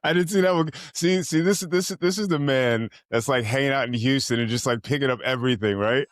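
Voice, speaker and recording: A man's voice: mid-range voice, brisk, dry recording, studio quality. Upbeat male podcast host. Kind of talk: podcast interview.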